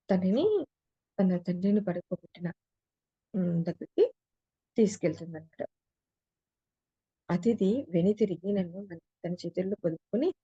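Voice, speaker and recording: A woman spiritual teacher reads a story aloud and goes back over each passage in plain, casual speech. Her voice is very dark and mellow with a husky edge. The recording is dry and muffled. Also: fairly low pitch, no echo. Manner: reads a passage, then retells it in casual talk. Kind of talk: reading a story aloud and retelling it.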